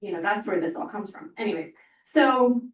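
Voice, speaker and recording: A woman's voice: mid-range voice, moderate pace. A woman speaking on a panel as a parent organizer, earnest and rambling with many fillers, audibly emotional. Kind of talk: panel discussion. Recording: echoey room, from far off.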